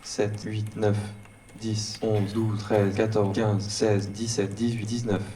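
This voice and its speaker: A low, mellow robot voice that announces everything one slow, clipped fragment at a time. It sounds set back from the microphone in a hall, with a faint hum of room noise behind it. Its delivery stays even and mechanical throughout. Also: male voice, far from the mic. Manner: slow, flat, word-by-word delivery in choppy fragments. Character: robot guide of a stage performance, male-voiced, even-tempered. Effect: synthetic robot voice. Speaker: performance guide. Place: performance hall.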